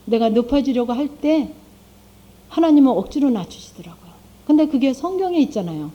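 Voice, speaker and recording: A middle-aged woman speaks to a congregation as a lay speaker, pitched a little high with a deeply mellow, dark tone. She talks conversationally, tosses rhetorical questions to her listeners and voices her own prayers aloud. The recording sounds dull and lo-fi. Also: animated, a little fast. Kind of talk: church testimony talk.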